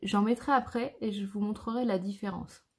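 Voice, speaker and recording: A woman's voice: medium pitch, steady tone, moderate pace, slightly rough. A woman, a makeup artist talking viewers through a makeup tutorial step by step in a chatty way. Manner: chatty, shows each step.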